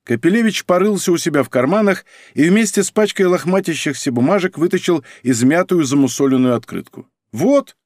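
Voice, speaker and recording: A man narrating an audiobook in an expressive, scripted reading style. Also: on the high side, fairly quick, few pauses, no echo, clean studio sound. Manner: expressive, character-acting reader.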